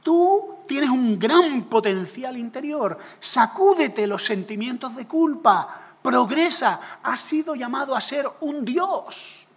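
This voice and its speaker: Man playing husky, coaxing Eden tempter. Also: very high-pitched, animated, takes it slowly, a bit bright, pitched above the performer's own voice, exaggerated voice. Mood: flattering. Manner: coaxing, grandiose preacher's acting. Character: flattering male tempter, smooth and persuasive.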